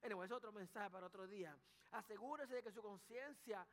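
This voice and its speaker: A man's voice: high-pitched, a little fast, a bit bright, long reverb tail. A man preaching a sermon as pastor, mixing folksy sayings with rising emphasis.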